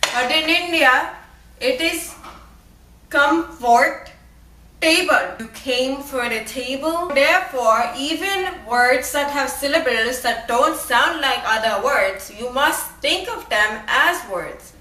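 A woman in a played-in clip, demonstrating how a word is pronounced, with slow and exaggerated enunciation. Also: high voice, expressive, pushed and bright, full character voice. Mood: instructive. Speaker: accent teacher in a clip. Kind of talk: scripted accent demonstration. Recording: roomy echo.

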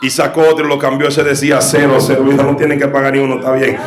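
A male preacher giving a sermon with a personal testimony, shifting between hushed storytelling and fervent shouting. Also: medium pitch, level tone, fast, heavy background noise. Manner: fervent, rising to shouting exhortation. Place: church hall with congregation. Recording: echoey church hall with congregation.

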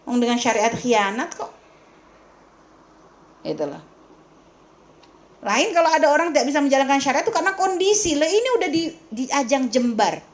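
A woman's voice: high-pitched, very animated, moderate pace, pauses often. A woman religious teacher giving a lecture in a question-and-answer session, emphatic and scolding, full of rhetorical questions and speaking familiarly to her listeners.

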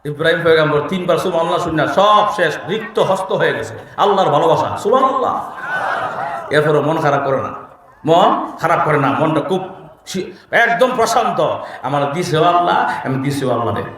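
A male preacher with a somewhat high-pitched voice delivers a lively waz sermon. He jumps between storytelling, shouted appeals and sung lines. The sound rings with a big loudspeaker echo. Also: normal speed, noisy background. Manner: animated storytelling, sudden shouts and sung phrases, calls for crowd response. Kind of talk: Bangla waz sermon with chanted recitation. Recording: very echoey loudspeaker hall.

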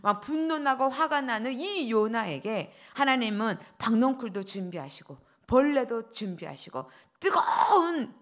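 A middle-aged woman pastor delivers a dawn service sermon in a fairly high voice. Her pitch leaps and falls as she acts out quoted prayers and the dialogue of her stories with lively feeling. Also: measured pace, few pauses. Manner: animated preaching, acting out quoted prayers and dialogue.

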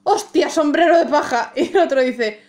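A woman's voice: high voice, moderate pace, a little mellow. A woman from Spain with a Spain Spanish accent co-hosting a podcast, chatting casually, joking, swearing freely and acting out scenes. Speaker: podcast co-host. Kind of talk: casual chat.

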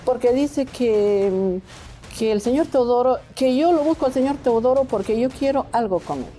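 Mellow-voiced woman giving insistent testimony. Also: a little high, normal speed, soft background music. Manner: insistent, repetitive, with hesitant restarts. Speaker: lawyer and neighbor, show guest. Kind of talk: testimony on a talk show.

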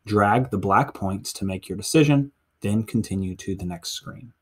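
A husky, fairly low voice belongs to an American man in his thirties, a middle school teacher explaining a lesson step by step in an instructional screencast. He counts aloud and speaks at a moderate pace.

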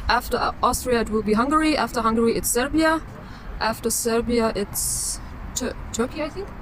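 A woman's voice: a little high, normal speed, fairly bright tone. Chatty woman streaming from a street. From Algeria. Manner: chatty, explaining. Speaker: livestream host. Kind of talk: casual livestream chat. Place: outdoors on a street. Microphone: phone in hand. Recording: noisy phone recording outdoors.

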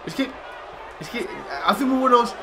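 A young man from Spain with a Spanish accent, giving loud, excited commentary on his own gameplay, shouting and swearing at his opponent. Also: very high-pitched, measured pace, a little hiss or hum. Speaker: gaming YouTuber.

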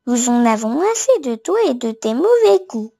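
Earnest little woodland creatures speak up in a picture book read to a toddler, all voiced by a woman. The voice is expressive, high and mellow. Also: moderate pace, vocal fry, full character voice. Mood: fed up. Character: group of earnest, well-meaning small woodland animals.

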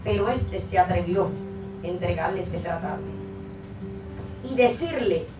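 A woman pastor, telling a story in a sermon and building to loud, fervent exhortation. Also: on the low side, a little slow. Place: church sanctuary. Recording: echoey church room, mic at a distance, guitar behind.

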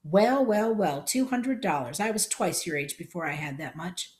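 A woman reading the part of a measured, plain-spoken farm father. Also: on the low side, animated, darkish tone, lightly acted. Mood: calm. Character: steady, fair-minded farm father.

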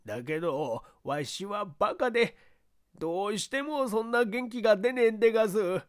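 A woman's voice: mid-range voice, expressive, moderate pace, lightly acted. A woman voicing a simple, earnest old male servant who talks in a thick rural dialect. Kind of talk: audiobook character reading.

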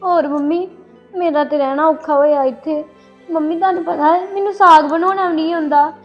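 A woman's voice: sits high, steady tone, brisk, highs cut off, soft background music, lightly acted. A woman playing an unhappy young married daughter with a Punjabi accent, complaining to her mother. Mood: complaining, tearful. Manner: complaining, pleading. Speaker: daughter on the phone. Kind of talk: family drama acting.

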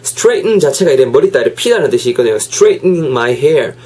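A young man teaching an English phrase in a video lesson, slowing right down to drill each sentence. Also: mid-range voice, sing-song, dark tone, slightly rough.

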